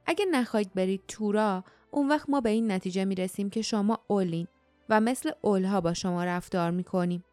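A woman voicing a blunt, gruff grown man in a storybook. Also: mid-range voice, a little mellow, no room sound, soft background music, lightly acted.

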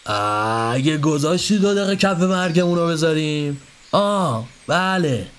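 A man doing a gruff blustering snake-catching master. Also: fairly high pitch, animated, fairly bright tone, a little hiss or hum. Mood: grumbling. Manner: crude old-fashioned slang, bossy and scolding.

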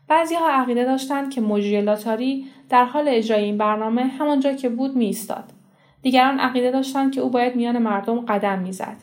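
A woman reading a short story aloud in a steady, measured storytelling manner. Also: fairly high pitch. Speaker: story reader. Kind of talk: scripted audiobook narration.

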